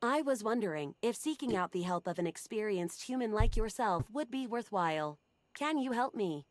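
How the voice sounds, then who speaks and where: A formal female AI assistant robot , played by a woman for a video game. She talks in stiff, precise phrasing, pitched mid-range for a woman. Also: expressive, normal speed, no room sound, lightly acted. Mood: polite, formal.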